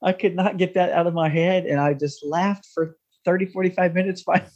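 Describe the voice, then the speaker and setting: A man's voice: high-pitched, steady tone, a little fast, darkish tone, muffled recording. A man hosting a podcast, telling stories in a loose, laughing, chatty way. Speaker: podcast host. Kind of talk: casual podcast chat.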